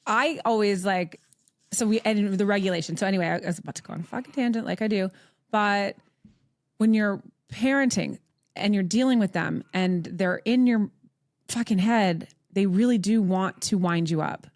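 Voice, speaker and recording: A woman's voice: medium pitch, normal speed, no room sound, clean studio sound. A woman hosting a podcast in casual conversation, blunt and profane, prone to rambling tangents. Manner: blunt, swears freely, rambles onto tangents. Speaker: podcast host.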